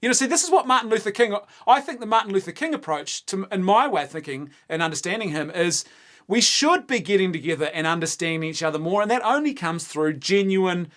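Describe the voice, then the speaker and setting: High-voiced earnest New man. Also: animated, a little fast, a bit bright. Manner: earnest, insistent, stumbling restarts. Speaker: co-host. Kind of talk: casual debate.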